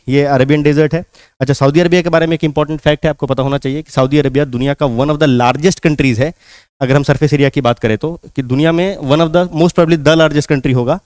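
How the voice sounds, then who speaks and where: A man's voice: on the high side, darkish tone, clean tone, no echo. Dry-voiced man teaching map geography. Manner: repetitive, keeps asking if students follow. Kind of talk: exam-prep map lesson.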